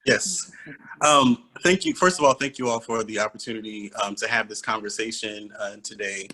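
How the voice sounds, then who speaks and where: Kentucky guy, lawyer, intro-ing himself on a call, lots of ums and restarts, kinda low pitch. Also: moderate pace, bright, forceful tone, poor audio. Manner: hesitant, many fillers and self-corrections. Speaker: attorney and panel participant. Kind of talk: personal introduction in a group conversation. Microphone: video call.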